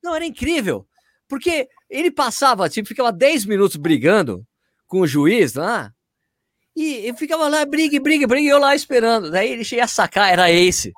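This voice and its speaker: A man's voice: very high-pitched, moderate pace, no room sound, studio quality. A man co-hosting a casual chat and telling anecdotes with animation. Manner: animated storyteller. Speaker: co-host.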